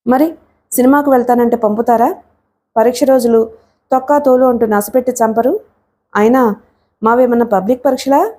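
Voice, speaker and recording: A woman's voice: fairly high pitch, fairly even intonation, normal speed, long pauses, mellow, lightly acted. A woman reading a teasing teenage schoolgirl. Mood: breezy. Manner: playful, teasing. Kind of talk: audiobook character reading.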